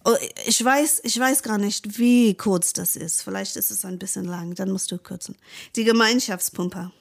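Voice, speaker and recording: A woman's voice: mid-range voice, normal speed, vocal fry. A woman from Britain with an English accent, a native English speaker, chatting animatedly as a guest and reading her own story aloud, often repeating words as she searches for them. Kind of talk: casual chat and reading aloud.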